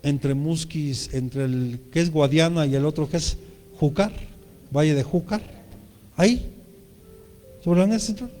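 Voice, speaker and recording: A man's voice: fairly high pitch, a little slow, long pauses, warm tone, in a large hall, faint music behind. A man with a Mexican accent preaching a sermon as pastor, speaking earnestly and addressing the congregation directly. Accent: Mexican Spanish.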